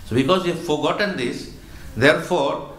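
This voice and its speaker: A man giving a religious lecture as a spiritual teacher, explaining slowly and patiently, often repeating words as he goes. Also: a little high, fairly bright tone, reverberant, slight background noise, poor audio.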